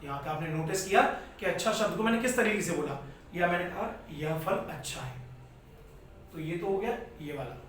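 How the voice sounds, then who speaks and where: Man teaching grammar, high voice, explains slowly and repeats himself, very echoey distant recording. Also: fairly bright tone, slight background noise. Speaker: Hindi teacher. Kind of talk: classroom lecture.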